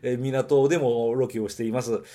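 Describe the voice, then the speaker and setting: A man's voice: medium pitch, fairly even intonation, normal speed, mellow. A man from Nagoya hosting a podcast, chatting casually about a film and correcting himself as he thinks aloud. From Nagoya, Japan. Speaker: podcast host reviewing films. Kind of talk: casual solo film review.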